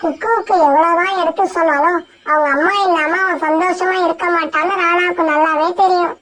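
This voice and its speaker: A woman narrating a children's cartoon story in an animated storytelling manner. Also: very high voice, a little fast.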